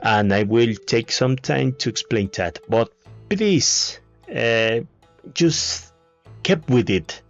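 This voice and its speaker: A man speaking English as a second language with a Spanish accent, giving a halting solo talk full of fillers and restarts. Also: medium pitch, animated. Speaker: video essayist. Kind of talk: casual monologue. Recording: dull lo-fi mic with faint music.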